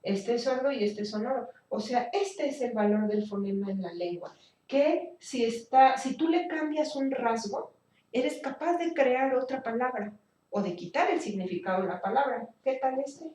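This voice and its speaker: A woman teaching a speech therapy class, explaining slowly and thinking aloud with fillers and restarts. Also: a little high, expressive, darkish tone. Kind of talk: recorded class lecture. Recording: echoey room, voice from a distance.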